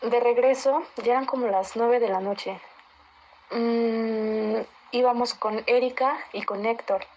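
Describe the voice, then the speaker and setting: A woman's voice: on the high side, steady tone, slow pace, darkish tone. Chatty woman, lo-fi recording. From Mexico. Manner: chatty, meandering with fillers. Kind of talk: casual personal account. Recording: dull lo-fi recording with faint noise.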